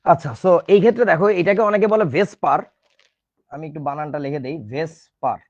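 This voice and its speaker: Male Bangladeshi teacher, jokey and scolding, somewhat high-pitched, muffled audio. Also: fast talker, darkish tone. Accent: Bangladeshi Bengali. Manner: chatty, teasing, scolds students playfully. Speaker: chemistry teacher. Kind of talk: casual online class lecture.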